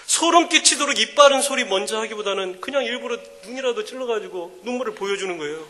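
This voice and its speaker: A man in his thirties giving a joking, animated sermon-style talk at a mothers' prayer meeting. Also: sits high, quick pace. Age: 30s. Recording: echoing hall reverb.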